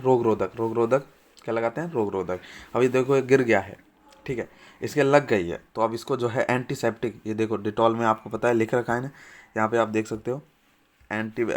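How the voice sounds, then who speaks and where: A young man teaching English vocabulary in Hindi, repeating each word and asking the class quiz-style questions. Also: medium pitch. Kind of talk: vocabulary lesson.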